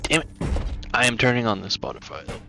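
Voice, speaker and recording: A man's voice: mid-range voice, expressive, quick pace, gravelly, sharp tone, soft background music, low-quality recording. A man streaming a shooter game, chatting casually, rambling and swearing freely. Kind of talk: casual gaming chat.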